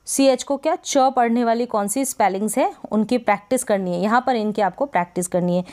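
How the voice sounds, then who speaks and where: Smooth-voiced woman teaching phonics. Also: a little high, a little mellow. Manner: slow, repetitive word-by-word drilling. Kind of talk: English phonics lesson in Hindi.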